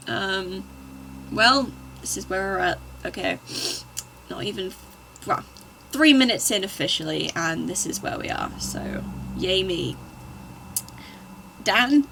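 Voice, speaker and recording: Woman reading fanfic aloud at home, slow and bright, with dry exasperated comments. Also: medium pitch, gravelly, a little hiss or hum, rough recording. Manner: wry, exasperated asides. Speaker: channel host.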